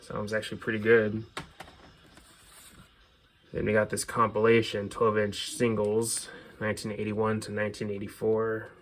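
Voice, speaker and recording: Speaking with a completely flat delivery at normal speed and long pauses, a man with a lowish voice hosts a casual show-and-tell. He goes through his music collection offering informal, opinionated fan commentary.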